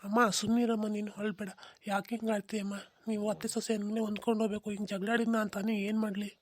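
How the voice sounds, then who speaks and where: A woman's voice: medium pitch, rapid-fire, natural voice. A woman voicing a grown son and husband in a comic cartoon, placating his mother and scolding his wife. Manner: flat, placating, mildly scolding.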